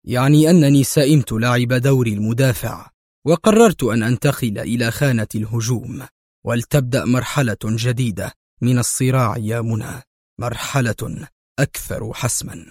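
A man's voice: mid-range voice, moderate pace, darkish tone, no echo, studio quality, lightly acted. A man voicing a determined male secret agent who speaks firmly and resolutely. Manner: firm, resolute.

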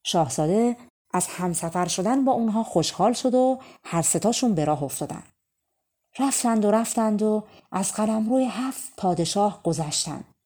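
A woman narrating a fairy-tale audiobook in a calm, measured storytelling manner. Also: medium pitch.

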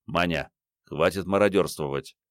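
A male audiobook reader voicing a curt, gruff, tired man who leads a small squad. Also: deep voice, normal speed, no room sound, studio quality, natural voice.

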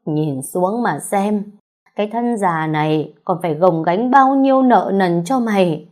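Woman voicing a hoarse old grandmother. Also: medium pitch, lively intonation, a little slow, a little mellow, close to an everyday voice. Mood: bitter scolding. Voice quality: hoarse, husky. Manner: scolding and lamenting. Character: elderly grandmother, worn-out, bitter and furious. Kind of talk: audiobook storytelling.

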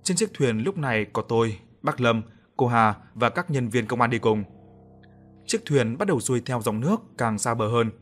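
Man storyteller, measured horror-story reading, soft music underneath. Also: medium pitch, expressive. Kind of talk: first-person horror story narration. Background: soft background music.

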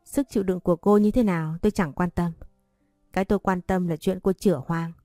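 A woman's voice: on the low side, steady tone, brisk, no echo, studio quality, faint music behind, close to an everyday voice. A woman voicing a scornful, haughty middle-aged stepmother-in-law in a spoken story. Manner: contemptuous, shouting.

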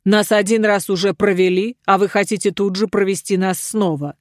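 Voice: mid-range voice, steady tone, moderate pace, no echo, clean studio sound, natural voice. A reader doing a sneering surly dwarf. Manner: sneering, mocking.

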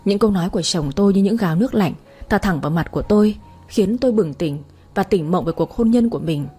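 Mellow husky woman storyteller. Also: medium pitch, lively intonation, quick pace, faint music behind. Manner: plain, sorrowful storytelling. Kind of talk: first-person story narration.

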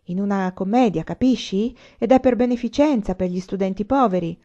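A woman's voice: medium pitch, brisk, mellow, close to an everyday voice. A woman voicing an ugly, pushy young male schoolmate who coaxes insistently, in a storybook reading. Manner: insistent, coaxing. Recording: slightly muffled recording.

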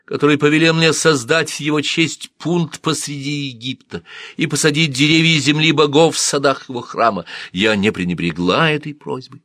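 A man's voice: medium pitch, fairly bright tone, no room sound, clean studio sound, pitched above the performer's own voice, natural voice. A male narrator voicing a defiant ancient queen-pharaoh, declaiming her words to her god with pride. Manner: declamatory, proclaiming.

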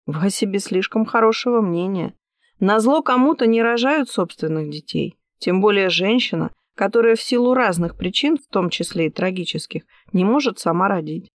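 A woman reading an audiobook voices a calm, probing middle-aged male detective who speaks in a measured, cool way. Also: medium pitch, no echo, studio quality, close to an everyday voice.

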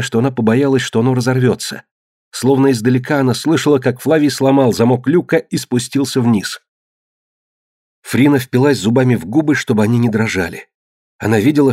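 A man reading an adventure novel aloud in a measured, dramatic manner. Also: medium pitch, darkish tone, slightly rough, no room sound, studio quality. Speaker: narrator. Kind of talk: scripted audiobook narration.

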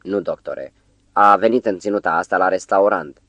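A man voicing a nervous, flustered poet who talks in an anxious, hushed way, in an audiobook. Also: sits low, no echo. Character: nervous flustered male poet, middle-aged.

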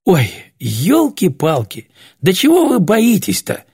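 A man's voice: mid-range voice, sing-song, moderate pace, creaky, a little mellow, husky, no room sound, studio quality, heavily acted. A man voicing a brash young man who talks impatiently and mockingly. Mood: exasperated. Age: young adult. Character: brash young man, cocky former army sapper.

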